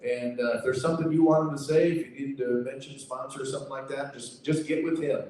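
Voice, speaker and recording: A man's voice: medium pitch, steady tone, fast talker, a little mellow. An American man giving an informal spoken briefing as an event organizer, in a folksy, reassuring and repetitive manner. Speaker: auctioneer contest organizer. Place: livestock sale arena. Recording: very echoey hall, distant PA sound.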